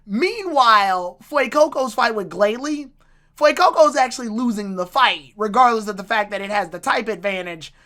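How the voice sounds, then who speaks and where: Woman anime reviewer, casual recap, bright forceful voice pitched a bit high, excitable. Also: normal speed. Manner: excitable, laughs out loud, restarts and self-corrects.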